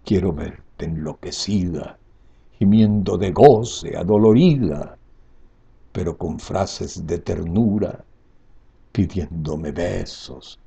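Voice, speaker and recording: A man in his seventies declaiming poetry in a grand, dramatic manner, with slow phrasing that swells in emphasis and falls away softly, in a husky, gravelly voice. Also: sits low. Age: 70s. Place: indoor room at home.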